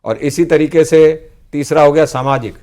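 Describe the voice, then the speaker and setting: A man's voice: on the high side, moderate pace, a little mellow. Older man, earnest political recollection. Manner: earnest, explanatory, frequently ends with "जी". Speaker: political guest, former student leader. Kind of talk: studio political discussion.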